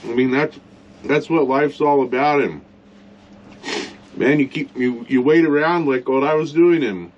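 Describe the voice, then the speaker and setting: A man's voice: medium pitch, unhurried, long pauses, lo-fi sound, slight background noise. A man rambling bluntly in a casual vlog from inside his truck at a campsite, eating as he talks. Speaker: vlogger.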